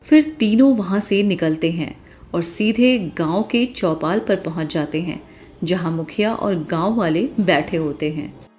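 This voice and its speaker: A woman giving calm scripted narration of a cartoon story. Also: on the low side, measured pace, soft background music.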